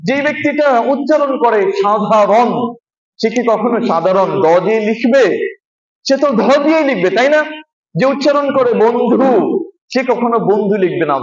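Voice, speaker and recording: High-voiced man lecturing in an echoey room. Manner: rhetorical questions answered himself, repeating phrases. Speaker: teacher of madrasa students. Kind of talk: classroom lecture. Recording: echoey, distant, dull room recording.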